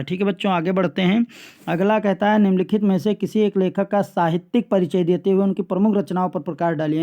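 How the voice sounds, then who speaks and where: A man's voice: sits high, warm tone. A male teacher going through an exam paper for students step by step, often checking in with the class and repeating phrases. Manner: explains step by step, often repeats "theek hai bachchon". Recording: dull lo-fi recording.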